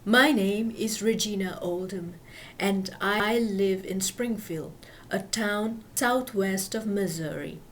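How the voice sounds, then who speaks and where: A woman from Malaysia, giving scripted voice-over narration in a measured, explanatory way. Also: mid-range voice, slight background noise, poor audio. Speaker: video narrator.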